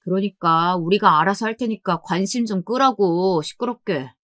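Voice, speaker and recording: A woman's voice: medium pitch, moderate pace, a bit bright, no echo, studio quality, close to an everyday voice. A woman voicing a young husband who snaps curtly and mutters in annoyance at his sister. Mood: irritated.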